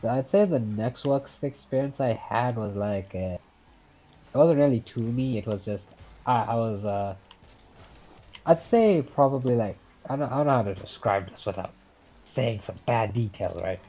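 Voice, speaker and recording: A man's voice: medium pitch, moderate pace, warm tone, highs cut off. A young man in his late teens with a Scouse accent, casually telling a rambling story on a podcast, swearing often. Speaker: podcast host.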